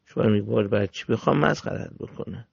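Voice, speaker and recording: A man doing a gruff old husband who is losing patience, his voice dropped low and gravelly. The sound is husky and dry. The recording is dull and lo-fi. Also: dry recording, heavily acted. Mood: impatient.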